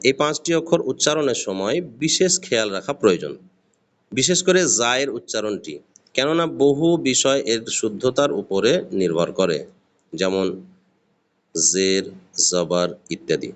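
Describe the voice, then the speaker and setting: A man with a Bangladeshi Bengali accent, giving a patient recorded lesson on reading Arabic letters and sounding them out one by one. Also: lowish voice. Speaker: Arabic alphabet teacher.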